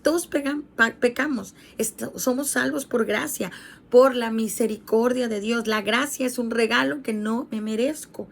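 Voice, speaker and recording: A woman's voice: a little high, measured pace, vocal fry. A woman preaching a sermon, retelling a parable and reading scripture aloud, talking directly to viewers watching a video. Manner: earnest teaching, addresses viewers directly. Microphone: streamed video.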